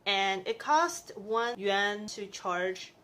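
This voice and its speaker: Speaking extremely slowly at medium pitch, a Taiwanese woman in her thirties itemizes her monthly expenses for a casual vlog. Her bright, forceful voice is animated, chatty and upbeat, with a bit of hiss or hum in the audio.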